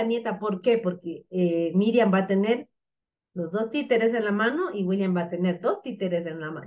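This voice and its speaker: Lively woman teacher. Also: medium pitch, dull audio. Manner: acts out puppet voices while teaching. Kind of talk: explaining a puppet play to students.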